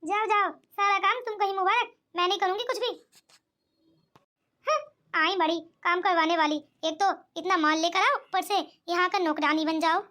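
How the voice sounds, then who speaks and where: Spoiled young bride in a cartoon, voiced by a woman: snooty and dismissive, very high-pitched. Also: normal speed, sharp tone. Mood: scornful. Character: spoiled, haughty young bride, lazy and boastful. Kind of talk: cartoon voice acting.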